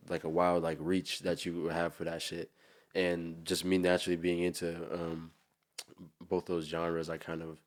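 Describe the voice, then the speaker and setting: A man with a New Jersey accent, chatting casually and in a slangy, rambling way as a musician being interviewed. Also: deep voice.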